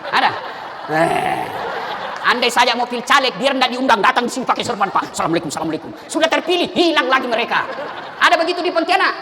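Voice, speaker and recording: A middle-aged man preaching a humorous sermon, animated and joking, acting out little scenes. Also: very high voice, quick pace, slight background noise. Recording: long hall reverb.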